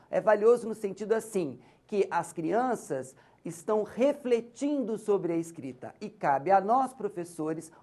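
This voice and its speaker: Slow, patient woman lecturer with a Brazilian accent. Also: medium pitch, a little mellow. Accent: Brazilian Portuguese. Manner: patient and explanatory, often pointing to examples and checking in with listeners. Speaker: university lecturer. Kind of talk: recorded lecture on literacy.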